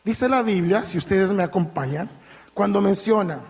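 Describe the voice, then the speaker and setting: A man preaches in a church, retelling scripture as a lively story. His voice sits high for a man. He slips into the characters' lines with plenty of animation. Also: moderate pace. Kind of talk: sermon.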